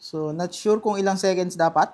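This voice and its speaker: A man with a Filipino accent doing a casual hands-on unboxing, halting a little as he thinks aloud. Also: high-pitched, darkish tone. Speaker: gadget vlogger.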